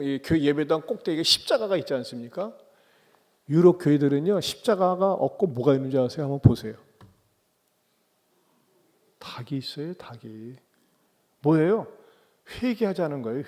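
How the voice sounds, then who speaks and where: A man's voice: a little high, mellow. A middle-aged male pastor preaching a sermon in a church, emphatic, with rhetorical questions and call-and-response. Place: church sanctuary.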